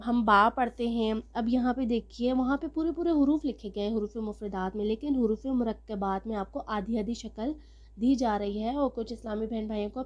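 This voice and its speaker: A woman teaching a recorded lesson on reading Arabic letters as an online Quran teacher. She explains step by step and stretches letter names out slowly and loudly. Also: a little high.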